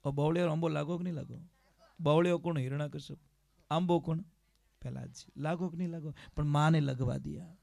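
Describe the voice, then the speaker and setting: A male preacher telling a story as a sermon, animated, often asking his listeners questions. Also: a little high, fairly quick, creaky, dry recording.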